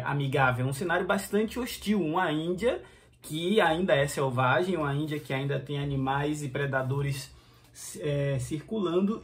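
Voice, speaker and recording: A man's voice: fairly high pitch, fairly bright tone. A man with a Brazilian Portuguese accent, casually reviewing a comic book and chatting to his viewers with frequent fillers and restarts.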